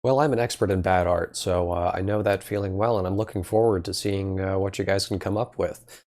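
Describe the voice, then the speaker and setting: A man's voice: low-pitched, steady tone, fairly quick, a little mellow. A man hosting a podcast, chatting casually and joking with his guests, with frequent filler words. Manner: easygoing, joking, lots of filler ums. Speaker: podcast host. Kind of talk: casual chat.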